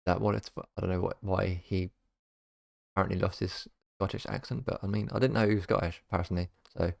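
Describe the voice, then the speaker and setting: A man's voice: sits low, fairly even intonation, fairly quick, creaky, a little mellow. A man hosting a reaction video, talking casually in a rambling, hesitant way with many fillers.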